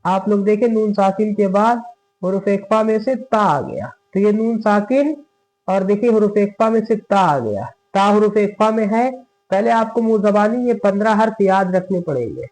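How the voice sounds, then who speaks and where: A man's voice: high voice, expressive, normal speed, darkish tone, poor audio. A man teaching Quran tajweed in a patient spoken lesson, repeating each point and often checking in with his students. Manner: patient, repeats points with frequent "theek hai". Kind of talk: slow spoken lesson with recitation examples.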